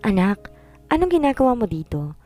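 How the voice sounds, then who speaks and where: A woman voicing a worried, gentle father. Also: on the high side, very animated, a little fast, soft background music, voice pushed up. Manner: concerned, coaxing. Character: worried older father, gentle but firm.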